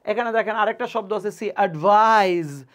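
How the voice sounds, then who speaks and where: A woman is teaching an exam-prep grammar lesson at a mid pitch. She talks through each step and says the English example sentences slowly and carefully. She often stops with a drawn-out "uh". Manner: explains step by step, slows down to spell out English examples; frequent hesitation fillers.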